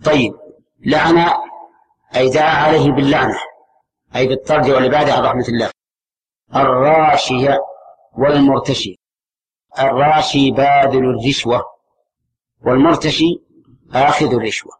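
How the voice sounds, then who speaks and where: Man teaching a measured religious lesson. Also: mid-range voice, steady tone, slight background noise, low-quality recording. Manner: measured, repeats key terms, asks the class questions. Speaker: Islamic scholar teaching a class.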